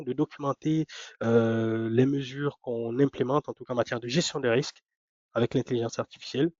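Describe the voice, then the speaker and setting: A man giving a webinar presentation, explaining points step by step and often pausing on fillers and restarts. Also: mid-range voice, a little mellow, husky, no room sound. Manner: hesitant, many fillers and restarts. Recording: dry, dull lo-fi sound.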